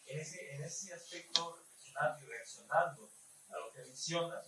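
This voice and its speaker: A man with a Mexican accent giving a formal, measured comment from the audience at a conference. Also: fairly high pitch. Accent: Mexican Spanish. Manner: formal, measured academic reasoning. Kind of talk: conference question-and-answer comment. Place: conference hall. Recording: very echoey hall, voice far from the mic, faint room noise.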